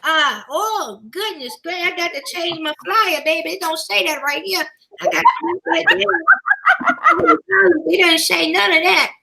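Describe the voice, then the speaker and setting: A woman's voice: very high voice, very animated, measured pace, creaky, sharp tone, pitched above the performer's own voice, exaggerated voice. A woman host voicing a folksy older church mother who reads announcements and calls everyone baby. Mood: excited. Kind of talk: live stream chat.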